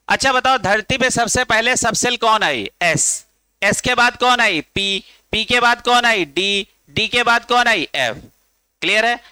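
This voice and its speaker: Bright-voiced male chemistry teacher. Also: high-pitched, smooth, dry recording. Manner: coaxing, calls students beta, drills them in chants. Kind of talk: classroom lecture. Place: classroom.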